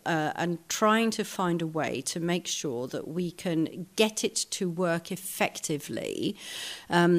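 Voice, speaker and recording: Woman diplomat, low-pitched, steady and careful, filler-heavy interview answers. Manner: measured, careful, with frequent fillers. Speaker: ambassador.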